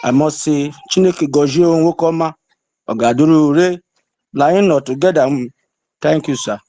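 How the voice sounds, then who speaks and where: A man speaking earnestly from the audience of an audio room, halting now and then on fillers. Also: on the high side, mellow, no echo. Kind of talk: earnest supportive testimony.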